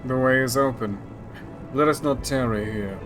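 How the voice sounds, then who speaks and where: A man's voice: medium pitch, normal speed, over music, natural voice. A man voicing a grim, proud, hostile knight who hunts dragons, in stern archaic fantasy game speech. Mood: grim defiance.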